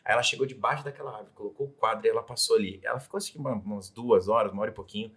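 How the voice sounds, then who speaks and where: A man's voice: lowish voice, very fast. A young Brazilian man, a Portuguese teacher, talking enthusiastically as a guest in a casual interview. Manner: enthusiastic, animated, shifts into soft reflective storytelling.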